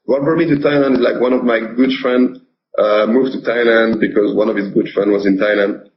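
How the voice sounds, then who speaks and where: French-accented man, halting, lo-fi line. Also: medium pitch, fairly even intonation, a little hiss or hum. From France. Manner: halting, many fillers and restarts. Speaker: poker pro guest. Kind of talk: casual interview.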